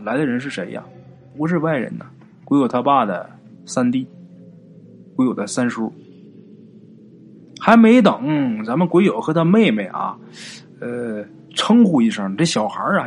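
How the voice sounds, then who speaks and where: A man narrating a ghost story in an unhurried, colloquial way with chatty asides. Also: medium pitch.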